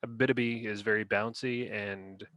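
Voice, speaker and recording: A man's voice: lowish voice, steady tone, moderate pace, bright, forceful tone, no room sound. A man co-hosting a podcast, rating dictionary words in casual chat and reading definitions aloud in a playful, rambling way. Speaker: podcast co-host.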